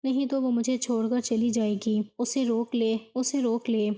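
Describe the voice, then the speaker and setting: A woman voicing a desperate, guilty young married man in a spoken moral story, read in a flat, even way. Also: a little high, lightly acted. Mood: pleading.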